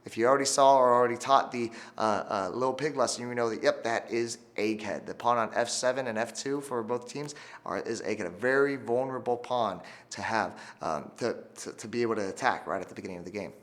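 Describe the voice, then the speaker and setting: A man's voice: medium pitch, fairly quick, few pauses, fairly bright tone. A man teaching chess through a story, with call-and-response cues for kids. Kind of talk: instructional video for teachers.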